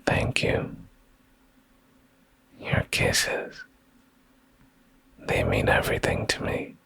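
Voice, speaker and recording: Reading bedtime stories as an ASMR streamer, this man uses a soothing boyfriend-style hush, his voice deep, gravelly and breathy, drifting into close-mic whispers. His pitch swings hugely, his pace is extremely slow, and no room sound comes through.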